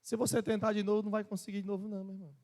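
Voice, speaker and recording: A man's voice: high voice, little pitch movement, very fast, darkish tone. A man preaching a sermon as pastor in a church, with impassioned emphasis and questions to the congregation. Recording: long reverb of a church hall.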